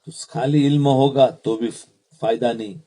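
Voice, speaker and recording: Husky-voiced man preaching a sermon. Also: medium pitch, steady tone, warm tone. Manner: repeats phrases, asks the audience rhetorical questions. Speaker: Islamic preacher.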